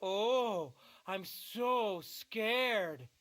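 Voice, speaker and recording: A performer playing a scornful village bully in a video game who mocks and taunts. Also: female voice, medium pitch, sing-song, slow, fairly bright tone. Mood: mocking. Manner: mocking, taunting.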